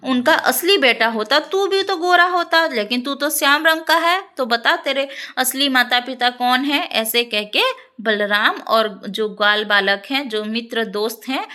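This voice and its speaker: A woman teacher explaining a poem line by line in a lesson, checking in with her listeners and reciting the verses slowly. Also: high-pitched, pushed and bright. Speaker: Hindi teacher.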